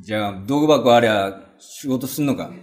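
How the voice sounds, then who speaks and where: A man playing a blustering male burglar in a rakugo story, talking in rough, gruff street speech. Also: medium pitch, moderate pace, natural voice. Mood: lecturing. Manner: rough, gruff Edo-style street talk.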